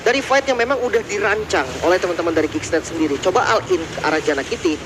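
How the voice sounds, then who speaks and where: A man's voice: sits high, fast, noisy background. A man with an Indonesian accent giving live analysis as co-caster of an esports match.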